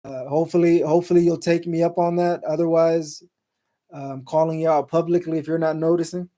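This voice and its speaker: This Salt Lake City, Utah show host speaks briskly in a high, mellow voice that barely moves in pitch. Reading viewer comments on his live call-in stream, he chats loosely, restarting often, using lots of fillers, and scattering Islamic phrases throughout.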